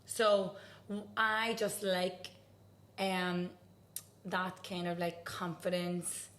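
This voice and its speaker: A woman's voice: on the low side, little pitch movement, drawn-out words, fairly bright tone. Chatty young woman podcast host. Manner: chatty, swears casually, lots of "like". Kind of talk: casual chat.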